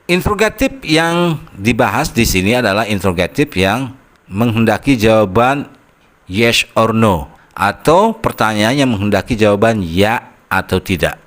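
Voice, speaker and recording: A man's voice: lowish voice, lively intonation, moderate pace, fairly bright tone. A man teaching an English grammar lesson over slides, patient and step by step, often checking in with short "okay" and "yes" and calling the viewer buddy. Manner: patient, explains step by step with frequent "oke" and "ya"; addresses viewers as "sob".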